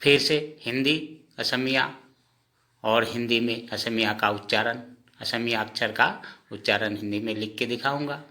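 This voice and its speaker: A man teaching a lesson, repeating each sound slowly and asking his own questions before answering them. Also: medium pitch, bright, forceful tone. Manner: often says "okay friends". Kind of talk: slow spoken lesson.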